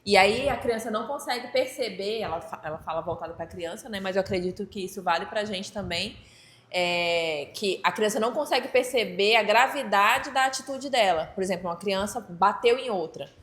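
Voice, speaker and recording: A woman taking part in a workplace meeting, explaining her point in a halting way with many restarts. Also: mid-range voice, fairly bright tone, roomy sound, slight background noise. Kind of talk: casual explanation in a group discussion.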